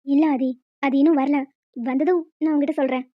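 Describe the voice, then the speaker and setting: A woman voicing a brisk, matter-of-fact young doctor in a cartoon, a little teasing. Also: high voice, steady tone, dry recording, lo-fi sound, natural voice. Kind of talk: cartoon voice acting.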